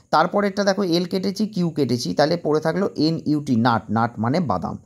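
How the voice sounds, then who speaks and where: Guy teacher going over an exam paper w little kids, slightly high voice, a bit husky, spells stuff out slow. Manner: patient, spells words letter by letter and translates them. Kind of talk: explaining an exam paper to young children.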